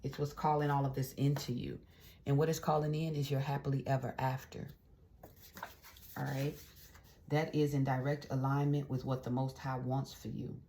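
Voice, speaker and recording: In a very deep, mellow voice with little pitch movement, a woman reads tarot at a normal speed directly to camera. Her style is chatty and encouraging, full of little check-ins and fillers, with an uplifting spiritual feel. A little hiss or hum is audible.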